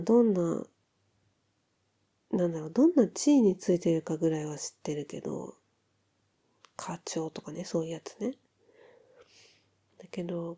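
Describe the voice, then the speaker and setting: Casting: woman as tender newlywed wife, soft-spoken pillow-talk role-play, very soft dark tone, unhurried and intimate. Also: fairly low pitch, husky, full character voice. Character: affectionate newlywed wife chatting softly in bed.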